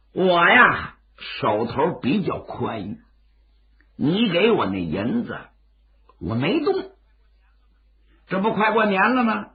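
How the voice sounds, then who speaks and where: Guy doing a crafty old village grandpa in a folk tale, gravelly dramatic, lo-fi sound. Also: fairly high pitch, full character voice. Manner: dramatic, folksy bargaining. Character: shrewd old village schemer, genial and wily. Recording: dull, lo-fi audio.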